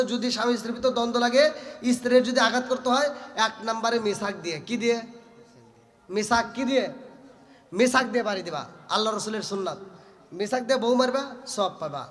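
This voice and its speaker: A man preaching a sermon to a crowd, shouting and chanting in a sing-song style and often asking the listeners to agree. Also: big-room sound. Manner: loud, sing-song preaching, swinging from shouts to low asides; asks the crowd for agreement again and again. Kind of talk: Bengali waz sermon to a crowd.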